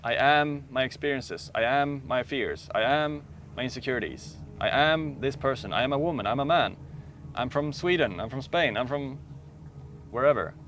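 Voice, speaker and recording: A man speaking as a meditation teacher, guiding a slow, calm meditation with long pauses. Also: medium pitch, slight background noise. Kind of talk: guided meditation talk.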